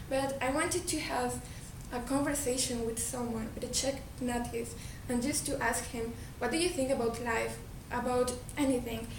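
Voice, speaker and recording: A woman speaking with a Colombian Spanish accent gives an earnest presentation to an audience, often going back to restart her words, her voice pitched high. She's captured from afar in an echoey hall, with constant noise and a low rumble in the background.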